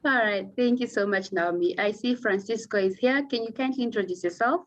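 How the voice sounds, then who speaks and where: A woman's voice: medium pitch, fairly quick, muffled recording. Polite woman moderating an online panel. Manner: polite, formal turn-giving.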